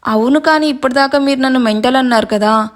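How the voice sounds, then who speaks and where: A woman's voice: high voice, quick pace, lightly acted. A woman reading a timid, pleading young woman. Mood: meek. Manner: polite and pleading.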